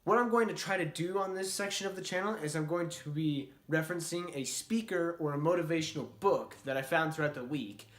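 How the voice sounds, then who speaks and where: Upbeat young-sounding man, fairly high voice. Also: a little fast, hardly any pauses. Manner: upbeat and chatty, with jokey asides. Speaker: YouTube host. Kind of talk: casual motivational talk at a whiteboard.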